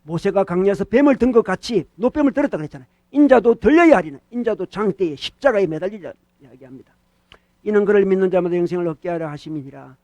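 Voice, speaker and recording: A man preaching a sermon as pastor, animated, repeating key phrases and questioning the congregation. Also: high voice, fast talker, no room sound. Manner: animated preaching, acts out short rebukes to the devil.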